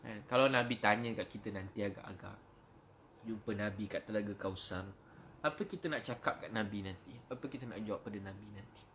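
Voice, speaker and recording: A man's voice: fairly low pitch, brisk, fairly bright tone, a little hiss or hum. A middle-aged man preaching an emotional sermon in a Malaysian Malay accent, pleading and breaking into prayers.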